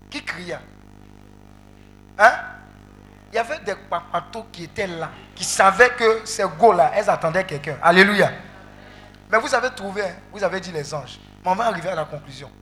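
A male preacher leading an interactive sermon, calling out to the congregation and breaking into loud exclamations. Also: high voice, normal speed, pauses often. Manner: animated, calls out to the congregation, bursts into loud exclamations. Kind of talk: interactive sermon with call and response.

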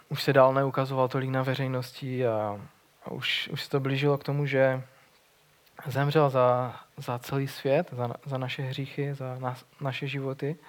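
A man's voice: mid-range voice, smooth. A man preaching a sermon, retelling a gospel story in an earnest, conversational way with frequent restarts.

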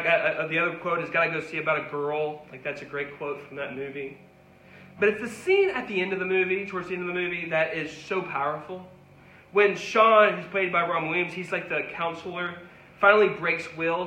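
A man's voice: on the high side, bright, forceful tone. A man preaching a sermon, earnest and pleading, with repeated calls to his listeners. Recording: echoey room with faint ambience.

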